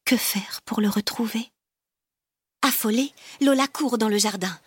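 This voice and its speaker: A woman reading a children's story aloud in a slow, expressive way, often dropping to a whisper. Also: on the high side, husky, no echo.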